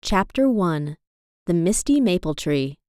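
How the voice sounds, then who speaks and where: A woman narrating a children's storybook aloud in an expressive reading style. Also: on the low side, unhurried, smooth, dry recording, clean studio sound.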